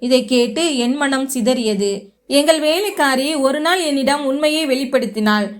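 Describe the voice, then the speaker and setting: High-voiced woman narrating a dramatic story. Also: moderate pace. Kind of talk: scripted first-person narration.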